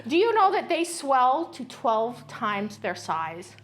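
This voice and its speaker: A woman's voice: on the high side, big pitch swings, takes it slowly. A woman from Canada hosting a cooking segment, bubbly and gushing, laughing often. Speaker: host. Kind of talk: lively cooking segment chat.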